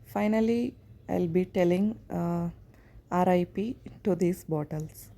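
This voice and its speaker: A woman in her thirties with a South Indian accent, narrating a casual home vlog in plain everyday phrasing with hesitant pauses. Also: on the low side, warm tone. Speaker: home vlogger.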